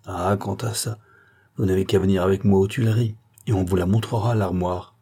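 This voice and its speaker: A man's voice: sits low, steady tone, brisk, dark tone, slightly rough. A man voicing a sick, bitter old male locksmith who grumbles with resentment. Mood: resentful.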